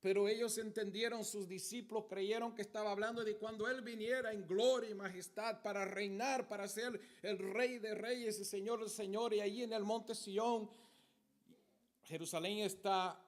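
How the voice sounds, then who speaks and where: A man's voice: high voice, steady tone, normal speed. A man preaching a sermon in a church, telling the story vividly while pointing to projected pictures.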